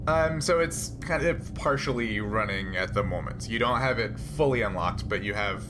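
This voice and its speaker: A man running a tabletop role-playing session as game master speaks casually and haltingly while thinking aloud. His voice is on the low side with lively intonation, and there's background noise.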